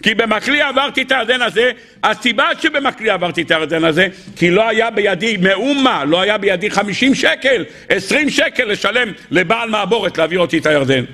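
A man's voice: sits high, lively intonation, hardly any pauses. A man with an Israeli Hebrew accent telling stories in a sermon, acting out the people he quotes in a raised voice. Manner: acts out quoted figures in a raised voice, addresses listeners as gentlemen. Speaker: rabbi giving a weekly Torah talk. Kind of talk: animated sermon storytelling.

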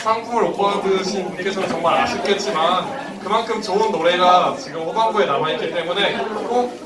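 A man's voice: high-pitched, a little fast, very noisy. A man hosting a live prize draw as a polite, playful prize announcer who jokes with the audience in a formal stage manner. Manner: playful, joking, laughs while announcing. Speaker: host of a prize draw at a band concert. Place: indoor live music venue. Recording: echoey live venue, distant mic, loud crowd. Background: loud audience crowd.

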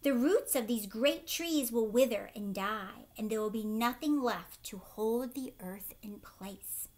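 A woman's voice: fairly high pitch, a little slow, a little mellow, close to an everyday voice. Woman doing a chattering troop of monkeys. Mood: urgent warning.

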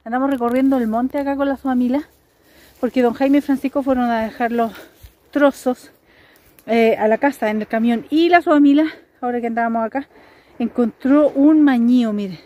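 A woman vlogging outdoors in a forest, chatting excitedly and addressing her viewers directly. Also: on the high side, moderate pace, highs cut off. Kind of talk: outdoor vlog to camera. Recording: noisy outdoor camera audio.

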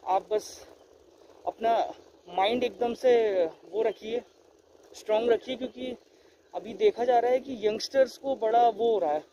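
Speaking in a very high, unhurried voice, a young Indian cycling vlogger gives viewers warm, earnest advice as he rides outdoors beside an empty stadium. The clip was recorded on the camera mounted on his handlebars, so loud ambient sound fills the outdoor audio.

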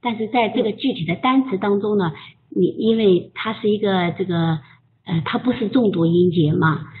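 A woman teaching English pronunciation in an online group lesson, patiently coaching and modeling sounds slowly. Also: medium pitch, a little hiss or hum. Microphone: voice chat. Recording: tinny phone-like line.

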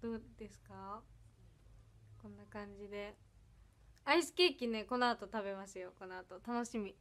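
A young woman with an Ehime Iyo-dialect accent mixed with Kansai, chatting casually on a birthday livestream and reading out viewer comments, giggling often, with lines that trail off softly, at home. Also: mid-range voice, moderate pace. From Ehime, Japan.

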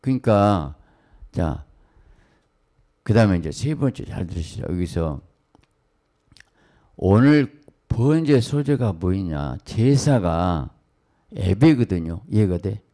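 A middle-aged male pastor preaches a dawn prayer sermon in a low, dark, gravelly voice. He talks in hurried, broken bursts and throws in quick exclamations and asides. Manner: excitable, rapid-fire exclamations and asides. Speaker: senior pastor.

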